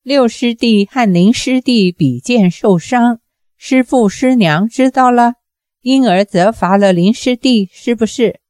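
A woman's voice: fairly high pitch, unhurried, darkish tone, no echo, studio quality, close to an everyday voice. A woman reading as a stammering young swordsman. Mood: pleading. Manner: stammering, pleading. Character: young swordsman, senior disciple, anxious and stammering.

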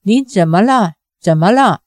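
A woman's voice: medium pitch, expressive, normal speed, no echo, clean studio sound, lightly acted. A woman voicing a fierce, embittered older mother who talks sternly and commands. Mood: anxious.

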